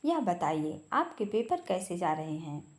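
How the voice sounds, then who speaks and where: A woman voicing a gentle younger sister who speaks in an earnest, reassuring way. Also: lowish voice, sing-song, unhurried, pitched below the performer's own voice.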